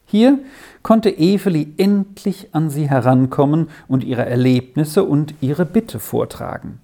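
A storyteller reading a children's story aloud in a slow, expressive way. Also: mid-range voice, creaky.

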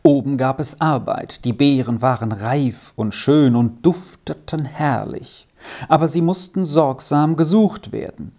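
A woman reading a children's story aloud in a calm, measured way. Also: a bass voice. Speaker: narrator.

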